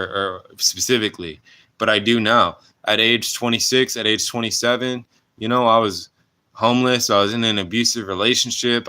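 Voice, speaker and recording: A young man in his late twenties speaks in a reflective personal vlog, earnest and halting as he restarts his sentences. His voice sits very low but sounds bright and clean. He stays fairly even in pitch throughout. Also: clean tone. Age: 20s. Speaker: vlogger.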